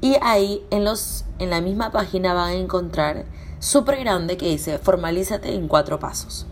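Hoarse, low-voiced Peruvian woman. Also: moderate pace. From Peru. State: sick, hoarse voice. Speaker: podcast host. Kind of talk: casual informational podcast talk. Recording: clear background noise.

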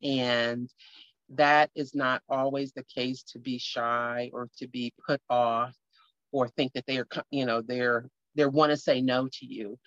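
A woman's voice: extremely low pitch, fairly even intonation, measured pace, no room sound. A woman co-hosting a podcast, talking earnestly in a casual interview and getting emotional. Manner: earnest, grows emotional and tearful. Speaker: podcast co-host and guest. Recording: slightly muffled lo-fi audio.

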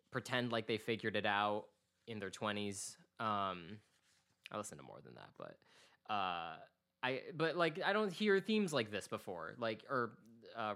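The speaker, a man in his twenties co-hosting a music podcast, has a fairly low, somewhat bright voice. His casual talk is earnest and rambling, full of restarts.

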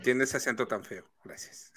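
A man's voice: medium pitch, moderate pace, a crowd in the background. A man with a Mexican accent co-hosting a reaction podcast, joking in crude slang. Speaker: podcast co-host. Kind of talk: casual reaction chat.

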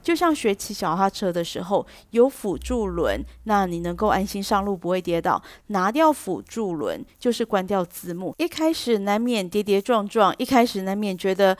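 A middle-aged woman with a Taiwanese Mandarin accent talks through an English lesson, explaining each point patiently and clearly. Her voice sits at an ordinary middle pitch. The recording is dry, with no room sound. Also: big pitch swings, moderate pace, hardly any pauses, no echo. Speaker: English teacher podcast host.

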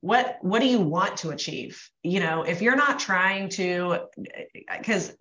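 A woman's voice: lowish voice, animated, measured pace, bright, forceful tone, roomy sound, lo-fi sound. A woman fitness coach giving earnest advice in a casual podcast chat.

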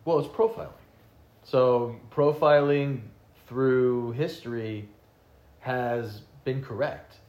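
A man co-hosts a casual podcast talk. He muses aloud, trails off and restarts his thoughts, with a middle-pitched voice. The room gives him a roomy echo. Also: lo-fi sound. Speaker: podcast co-host. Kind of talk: casual discussion.

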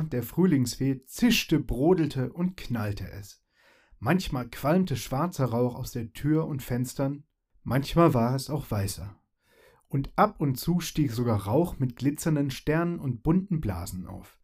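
A man reading a children's fairy tale aloud. His voice sits at a middle pitch for a man. He narrates in a lively, expressive way. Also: breathy edge.

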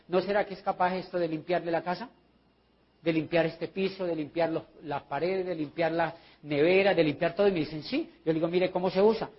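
A man's voice: sits high, breathy edge, highs cut off. A man with a Colombian accent giving a sales training talk, telling stories and acting out his conversations. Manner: lively storyteller acting out his dialogues.

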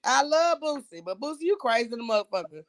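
A woman's voice: high-pitched, very animated, quick pace. A woman co-hosting a podcast in casual chat, ranting in a profane, mocking way. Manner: profane, heated, mocking rant. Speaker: podcast co-host.

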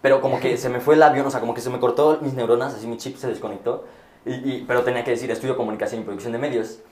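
A man's voice: mid-range voice, steady tone, racing, darkish tone, roomy sound. A young man, a university student, chatting casually and hesitantly with lots of fillers and restarts. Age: young adult. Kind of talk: casual chat.

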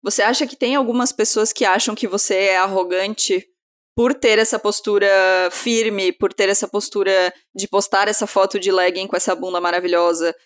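A woman's voice: medium pitch, fairly even intonation, normal speed. A woman hosting a podcast, asking long rambling questions in a casual, chatty way. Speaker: podcast host.

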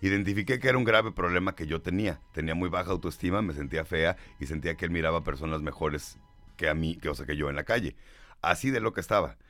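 A man's voice: deep voice, fast, fairly bright tone, faint music behind. Middle-aged Mexican man talk host. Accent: Mexican Spanish. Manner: emphatic, reads listener messages aloud. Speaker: radio show host. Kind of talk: casual talk show chat, reading listener comments.

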